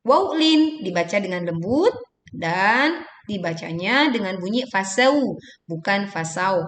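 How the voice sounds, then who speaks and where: A woman teaching Quran recitation, switching between slow, drawn-out chanted verses and brisk spoken explanations of pronunciation. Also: medium pitch, big pitch swings, a bit bright, roomy sound. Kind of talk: tajwid lesson with chanted recitation.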